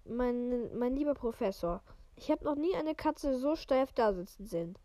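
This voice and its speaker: A woman reading the lines of a gentle, kindly old male wizard headmaster in her own voice, with small slips. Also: fairly high pitch, animated, normal speed, no room sound, close to an everyday voice. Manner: read in her own voice, stumbling over words.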